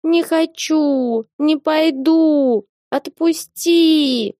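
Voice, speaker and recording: A woman's voice: sits high, drawn-out words, dark tone, no echo, clean studio sound, pitched above the performer's own voice. A woman voicing a grumpy little female cat who whines and sulks. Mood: whiny sulky. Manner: whiny and sulky.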